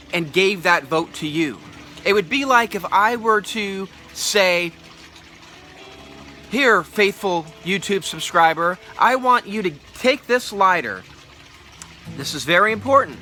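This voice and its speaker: A man's voice: sits high, pushed and bright. A man giving an opinionated, casual vlog monologue, emphatic and repeating himself as he explains things to the viewer. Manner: explains with hypothetical examples and acted-out quotes, checks in with listener. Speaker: video creator.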